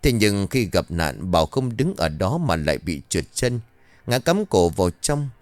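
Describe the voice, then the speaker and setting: A man's voice: sits low, big pitch swings, normal speed, no room sound. A man reading a horror story aloud in a dramatic, storytelling manner. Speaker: narrator. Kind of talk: scripted horror story narration.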